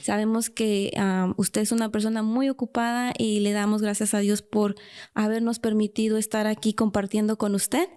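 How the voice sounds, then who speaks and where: A woman's voice: medium pitch, little pitch movement, moderate pace, darkish tone, clean tone. A woman hosting a church radio interview, devout and often breaking in with praise and amens as she asks her questions. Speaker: radio show host.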